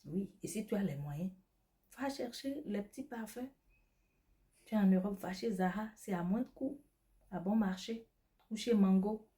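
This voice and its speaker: Speaking at normal speed with long pauses, this woman has a mellow, medium-pitched voice, and French is not her first language. As a skincare-selling beauty vlogger, she preaches self-care tips straight to viewers, emphatically repeating the main points and calling the viewer tu.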